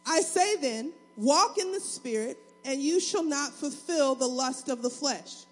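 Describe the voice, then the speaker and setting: A woman pastor with a Southern US accent, preaching a fast, excitable sermon with call-and-response to her congregation. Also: high-pitched. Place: church sanctuary. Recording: long hall reverb.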